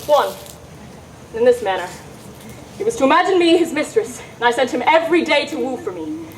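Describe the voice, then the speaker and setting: Woman acting a high-voiced, hammy, saucy disguised youth. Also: expressive, fairly quick, low-quality recording. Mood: witty, exuberant. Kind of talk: Shakespearean stage comedy acting.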